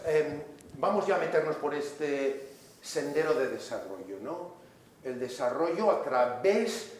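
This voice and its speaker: Brief: Spanish-male seminar speaker, mid pitch, explanatory and engaging, very reverberant hall sound. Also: slight background noise. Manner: explanatory, tag questions, acts out quoted voices. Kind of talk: seminar lecture. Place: large lecture hall. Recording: very echoey hall recording.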